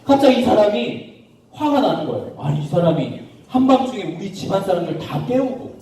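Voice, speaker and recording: A man giving a lively children's sermon as pastor, telling stories and acting out the people in them. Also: high voice, a little fast, a little hiss or hum. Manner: animated, acts out characters in the stories. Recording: echoey hall, voice from far off.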